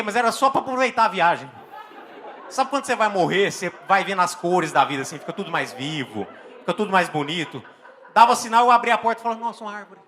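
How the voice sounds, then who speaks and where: A Brazilian man with a Brazilian Portuguese accent does stand-up. His voice is high, bright and sharp. He tells a lively story, acts scenes out loudly, and faint audience laughter and crowd murmur sit behind him. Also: a little hiss or hum. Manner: animated storytelling, exaggerated exclamations and acted-out scenes. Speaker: stand-up comedian. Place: live comedy stage with an audience.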